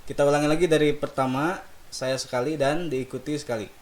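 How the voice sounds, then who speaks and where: A man teaching Quran recitation melody, explaining slowly and patiently and singing sample phrases for students to repeat. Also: a little high, fairly even intonation. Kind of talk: recitation lesson with call and response.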